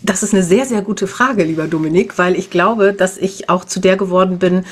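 A woman's voice: fairly low pitch, normal speed. Fifties lady chatting on a podcast, easygoing, keeps adding "ne?". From Germany, raised in the Netherlands. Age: 50s. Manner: chatty, warm-hearted, lots of "ne?" tags. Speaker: podcast guest, animal communication teacher. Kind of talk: casual podcast interview.

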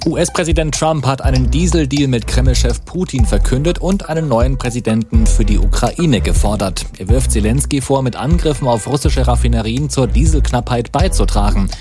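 A man's voice: medium pitch, normal speed, few pauses. Formal male radio newsreader over music. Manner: even, formal delivery. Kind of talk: scripted news reading.

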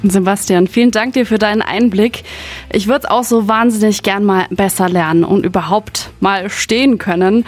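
A woman's voice: medium pitch, fairly even intonation, moderate pace, a little mellow. A woman from Franconia hosts a radio interview, her voice in a middle register. She puts her questions in a friendly, casual way, with faint music playing under her. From Franconia, Germany. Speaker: radio host.

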